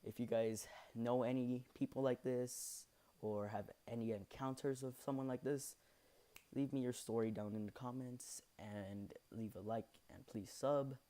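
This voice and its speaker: A man's voice: mid-range voice, fairly even intonation, measured pace, mellow. A young man telling a school story in a casual, rambling way, full of fillers and self-corrections. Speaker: channel host. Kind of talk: casual storytelling over gameplay.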